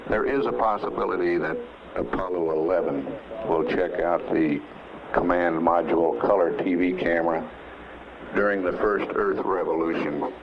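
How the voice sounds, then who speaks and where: Man, mission control announcer over crackly radio, very low voice, distant and hissy, measured formal delivery. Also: highs cut off. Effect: crackly radio transmission. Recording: noisy distant 1960s radio loop.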